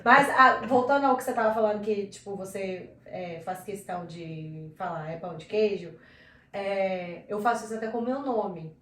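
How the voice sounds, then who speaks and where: A Brazilian woman co-hosting a casual videocast, chatty and animated, laughing easily. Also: mid-range voice, normal speed, distant mic. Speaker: co-host. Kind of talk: casual chat. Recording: echoey room, slightly off-mic.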